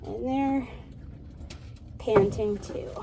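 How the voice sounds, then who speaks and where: An American woman chatting casually to camera while sitting outdoors in an animal pen, gently soothing the animals. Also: fairly high pitch, drawn-out words, vocal fry, noisy background. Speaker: homestead vlogger. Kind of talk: casual vlog narration.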